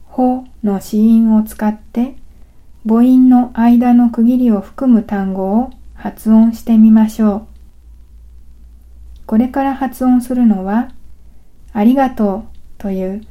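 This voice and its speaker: Woman teacher, scripted pronunciation lesson, unhurried delivery, a bit high. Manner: calm, deliberate explaining. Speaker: language teacher.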